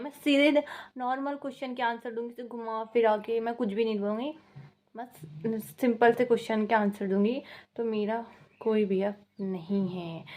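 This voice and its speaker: A young woman from Uttarakhand, India, vlogs casually in a mid-range, slightly mellow voice. She reads out viewer questions and answers them in a chatty, rambling way, repeating herself and laughing at the questions.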